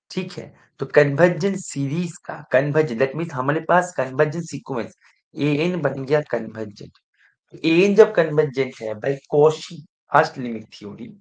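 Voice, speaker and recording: A man teaching a live online math revision class, mixing in English terms and checking again and again that everyone follows. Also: a little high. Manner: keeps checking students understand, asks the class repeatedly.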